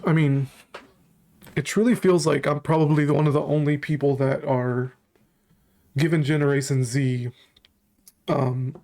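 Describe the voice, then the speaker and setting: A commentary channel host gives casual reaction commentary to camera, rambling and halting with frequent ums, restarted sentences, and casual swearing. His pitch stays flat and his tone is soft and mellow rather than bright. Some leftover congestion lingers, along with a slight cough.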